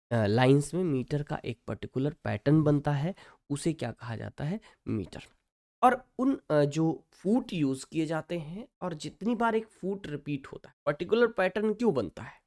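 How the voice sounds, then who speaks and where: A man teaches an English literature lesson in a mix of Hindi and English, repeatedly asking "ठीक है" to check on his students. He slows right down to dictate definitions, and his voice is a little high and slightly mellow.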